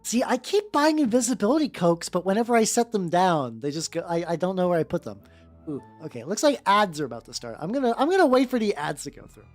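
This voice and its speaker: Over background music, a medium-pitched woman streamer jokes around and chats, reading fanfiction aloud for laughs. She's very animated and talks quickly.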